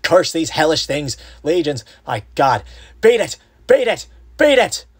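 Doomed male explorer for a horror storybook, acted out by a man: raised, strained pitch, terrified, urgent, desperate warnings. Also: very animated, measured pace, slightly rough, full character voice. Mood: shrieking horror. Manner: frantic, urgent cries.

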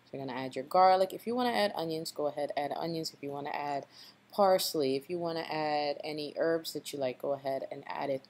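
Low-voiced woman teaching a cooking recipe. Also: a little fast, darkish tone. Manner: instructive, repeats tips with a checking "okay?". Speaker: cooking channel host. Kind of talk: cooking tutorial voice-over.

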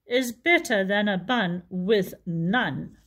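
A woman's voice: mid-range voice, takes it slowly, a bit bright. A woman voicing a polite, patient male bear who pleads and sighs in a storybook reading. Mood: resigned. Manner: plaintive, pleading, sighing.

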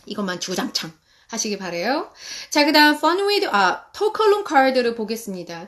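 A woman in her thirties hosting a live-stream guide for parents, talking in an animated way and reading English phrases slowly. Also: fairly high pitch.

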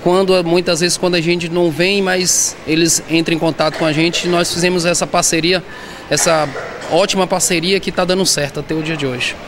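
Inside a busy shopping mall, loud noise running constantly beneath him, an artisan from southern Bahia, Brazil, speaks to a reporter holding a handheld microphone. His voice is high and flat, and he keeps pausing, repeating, and restarting words.

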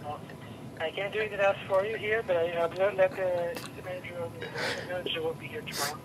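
A man's voice: high-pitched, steady tone, fast, background noise. A man answering a work phone call as a store employee, polite and hesitant in a casual way. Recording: phone speakerphone, busy background chatter.

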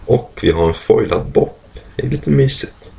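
A man casually commentating a card draft in speech, thinking aloud with many fillers and frequent throat-clearing. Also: medium pitch, lively intonation, warm tone.

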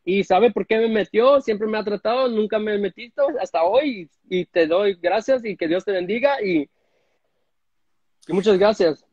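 A man tells crude stories from home, stumbling through restarts. His voice sits high and sounds husky. The phone audio is dull and dry. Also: moderate pace, darkish tone, dry recording. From United States. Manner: crude, rambling, many restarts. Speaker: guest caller on a live stream. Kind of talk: casual chat. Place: indoor room at home. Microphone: phone front camera at arm's length.

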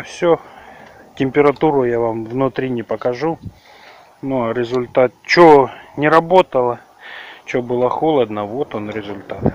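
Filming his own hands on a handheld camera outdoors, a man hosts a casual how-to vlog on repairing a car. He speaks Russian with a Ukrainian accent at a slow, unhurried pace, in a plain-spoken, rambling way with mid-range pitch. The recording is low quality.

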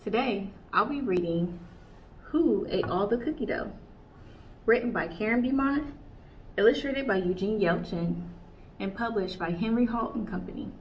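In a mid-range, animated voice at a moderate pace, a young American children's librarian reads a picture book aloud to kids, playful and sing-song. The small indoor room is captured slightly distant and dull, with a faint hiss present.

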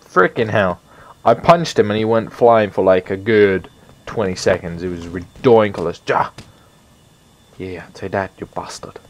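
A man giving casual, excitable gameplay commentary, swearing often and shouting at the characters on screen. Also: low-pitched, normal speed. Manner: excitable, swears a lot, talks to the game characters. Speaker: gaming commentator.

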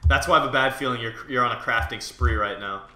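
A man's voice: mid-range voice, quick pace, pushed and bright, roomy sound, a little hiss or hum. A man giving casual gameplay commentary, often muttering to himself as he plays. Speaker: gaming video host and player.

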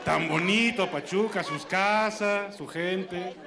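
This is a live stand-up show with a loud crowd and music, where a Mexican-accented comedian banters with his audience from the stage. He has a high voice and takes his time delivering lines.

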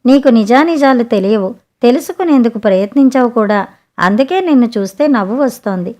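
A woman's voice: a little high, expressive, a little fast, darkish tone, natural voice. Clever young sea maiden, as a woman narrator voices her. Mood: chiding. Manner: frank and chiding.

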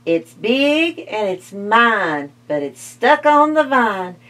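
A woman voicing a bossy witch in a read-aloud picture book, in a slow sing-song. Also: on the high side, big pitch swings, a bit bright, heavily acted. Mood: singsong. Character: boastful old witch, bossy.

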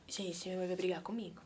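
A woman's voice: fairly low pitch, sing-song, normal speed, fairly bright tone, slightly rough. A young woman with a Brazilian accent chatting nervously and giggling through a prank video. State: anxious. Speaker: YouTuber pranking her mother. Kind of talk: casual prank vlog chat.

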